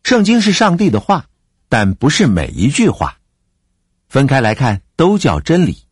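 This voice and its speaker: A man with a slightly husky voice teaches the Bible at normal speed, his pitch swinging hugely as he emphasizes points, explaining with occasional fillers and laughs. The recording is dry and close, with no room sound.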